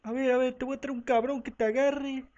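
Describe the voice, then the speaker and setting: A comic dubber with a Mexican accent voices a whole talk show alone, swapping between voices and packing every line with crude slang. The voice sits high, and the lo-fi home recording sounds dull and muffled. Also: flat delivery, brisk, a little mellow. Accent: Mexican Spanish. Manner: rowdy, profane slang, switches between voices. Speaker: fan dubber voicing every part.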